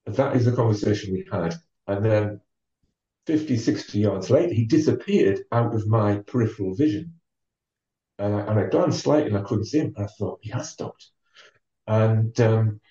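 Low, mellow man telling a long story. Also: far from the mic. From North East England. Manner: measured, with many ums and restarts. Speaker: interview guest, former marathon runner. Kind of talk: relaxed storytelling. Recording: dull, roomy sound from off the mic.

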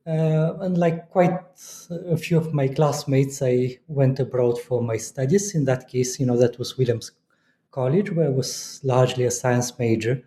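A professor from Bulgaria speaking as a guest in an interview, thoughtful and hesitant, with many fillers. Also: male voice, mid-range voice, measured pace, warm tone, reverberant. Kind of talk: academic interview.

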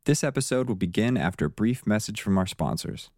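A man reads a brief podcast introduction in a plain, even delivery. His voice is low and sounds close and dry, without any room sound. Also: brisk, no echo.

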